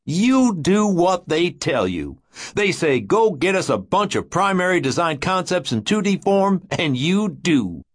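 A man voicing a big, agitated, blustering man who talks in a husky, urgent voice. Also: on the high side, big pitch swings, moderate pace, voice pushed up. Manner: shouting, urgent, withering.

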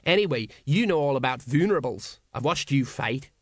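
A man voicing a portly, nervous sergeant who blusters to hide his fear. The voice sits at a middling pitch, dry and close. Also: expressive, a little fast, no room sound, natural voice. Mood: blustering.

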